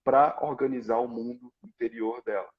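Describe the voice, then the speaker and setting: A man, a guest expert, explaining in a measured way, step by step, in a conversation. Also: mid-range voice, steady tone, highs cut off.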